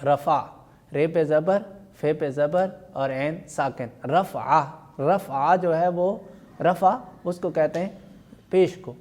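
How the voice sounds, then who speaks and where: Man teaching a slow careful language lesson. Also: fairly high pitch, warm tone. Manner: slow, careful dictation of words and vowel marks; repeats words to drill pronunciation. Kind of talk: online Urdu lesson.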